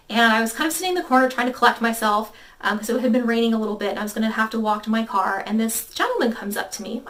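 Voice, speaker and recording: A woman's voice: a little high, a bit bright, far from the mic. A woman in her thirties, a tarot reader, telling a personal story in a chatty, rambling way full of fillers and quoted dialogue. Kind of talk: casual storytelling to camera.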